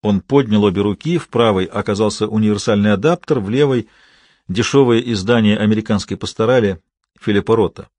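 A man reading a thriller audiobook in an even, measured storytelling manner. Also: on the low side, no room sound. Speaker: audiobook narrator. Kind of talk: scripted thriller narration.

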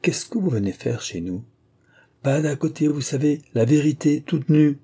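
A man's voice: on the high side, expressive, normal speed, warm tone, slightly rough, voice pushed up. A man voicing a self-assured young woman who teases in a playful, mock-stern way, reading from a storybook.

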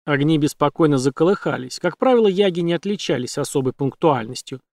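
A man reading an audiobook in steady, measured scripted narration. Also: a little high, no echo, clean studio sound. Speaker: audiobook reader.

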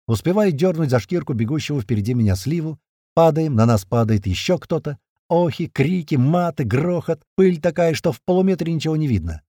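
A man's voice: medium pitch, dark tone, slightly rough, no echo, studio quality. A man narrating a first-person action audiobook in a terse, punchy, slangy manner.

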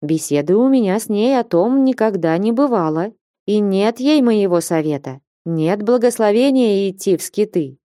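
Elderly abbess aunt, calm, cold and measured; a woman reads her in a dark, mellow storybook voice. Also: mid-range voice, no echo, studio quality, close to an everyday voice.

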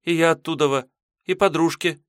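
A man's voice: a little high, fairly even intonation, a little fast, smooth, no room sound, clean studio sound, pitched above the performer's own voice, close to an everyday voice. A man voicing a timid young peasant woman pilgrim in an audiobook, fearful and pleading. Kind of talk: audiobook character voice.

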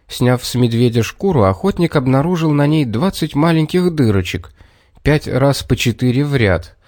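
A man's voice: mid-range voice, no echo, clean studio sound. Man reading a children's story. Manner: measured, expressive reading. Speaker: narrator.

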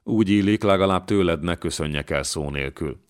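A man's voice: sits low, natural voice. A man reading an audiobook voices a bold young warrior who speaks with courtly politeness and a mocking edge. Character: bold young male warrior, proud and defiant.

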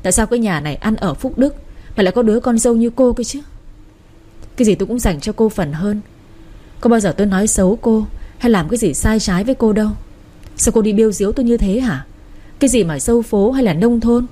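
A woman voicing a harsh, proud older mother-in-law who scolds fast in a shrill voice. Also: lively intonation, mellow. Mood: angry scolding.

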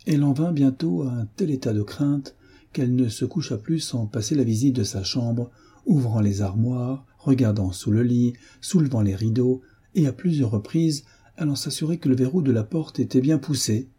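Guy reading an old novel out loud, super husky and dark, takes his time. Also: medium pitch, moderate pace. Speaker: audiobook narrator. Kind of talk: scripted narration of a novel.

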